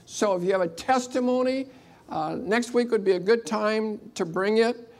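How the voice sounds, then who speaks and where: A church leader giving announcements and leading spoken prayer in a plain, informal, unhurried way to a congregation. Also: medium pitch, a little mellow. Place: church service room.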